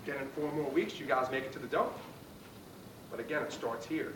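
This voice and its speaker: A man's voice: medium pitch, fairly quick. A man gives a pre-game pep speech as a guest motivator, emphatic and rallying, punching out short phrases. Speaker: guest motivational speaker, fight trainer. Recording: roomy, distant mic, clear background noise.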